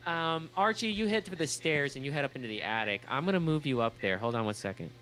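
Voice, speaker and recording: Young male GM, casual halting delivery, soft music bed behind. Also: mid-range voice, animated, poor audio. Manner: loose, halting narration with many fillers. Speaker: game master. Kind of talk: narrating a tabletop game.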